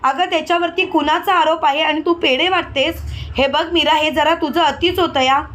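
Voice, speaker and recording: A woman voicing a stubborn mother-in-law who scolds loudly. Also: high-pitched, fairly even intonation, moderate pace. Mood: scolding. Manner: scolding, loud.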